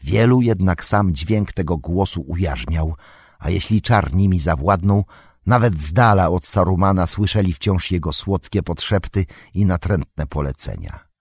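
Male audiobook narrator, low husky voice, dry close sound, calm and steady. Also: unhurried, no room sound. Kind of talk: scripted narration of a novel.

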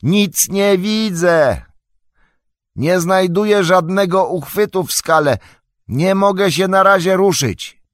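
A man voicing Frodo, a shaken male hobbit shouting up from a rock ledge in a high, strained, loud voice. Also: slow pace, no echo, studio quality. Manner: strained, calling out from below. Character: hobbit man, frightened then recovering, blinded on a ledge.

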